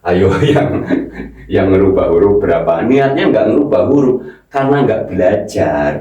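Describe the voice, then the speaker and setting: A man teaching Quran recitation, slowly repeating syllables and correcting pronunciation. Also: deep voice, expressive, warm tone, very echoey, far from the mic, a little hiss or hum, low-quality recording. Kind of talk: recitation lesson.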